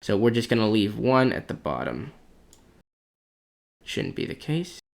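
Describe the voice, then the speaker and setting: A clan commander with a fairly low, gravelly voice speaks a little slowly but is very animated as he ranks tanks for competitive play. His casual gaming commentary is blunt and opinionated, and he thinks aloud throughout.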